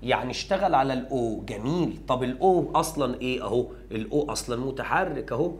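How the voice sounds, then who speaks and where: A man with an Egyptian Arabic accent teaching an English grammar lesson, talking lively and straight to the students, asking questions and answering them himself. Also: medium pitch, quick pace.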